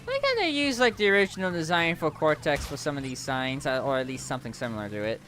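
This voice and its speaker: Male streamer, casual gameplay chatter, self-correcting, animated and bright. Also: a little high, quick pace.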